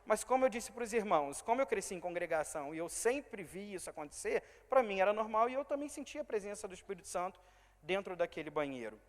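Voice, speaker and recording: A man in his thirties with a Brazilian accent from Rio de Janeiro state, preaching a testimony sermon and acting out the people he quotes, voice loud one moment and hushed the next. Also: high-pitched, very animated, quick pace. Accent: Brazilian Portuguese, Rio de Janeiro state. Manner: storytelling, quoting others in swings of loud and soft. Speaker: church worker preaching. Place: church hall. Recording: reverberant church hall.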